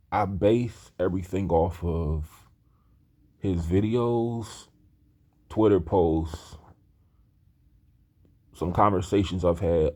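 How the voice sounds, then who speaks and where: An aspiring screenwriter in his thirties talks to camera in a rambling personal monologue, earnest and hesitant, restarting often. His voice is low and warm with a slightly rough edge.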